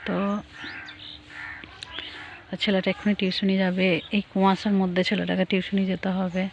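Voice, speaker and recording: A woman talking softly and chattily into her phone outdoors in the cold early morning, sounding chilled. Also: medium pitch, flat delivery, moderate pace, creaky, lo-fi sound. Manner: soft, hushed, chatty. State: cold and shivering. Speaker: village vlogger. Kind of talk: casual vlog walkthrough. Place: outdoors in foggy fields at dawn. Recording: faint outdoor noise.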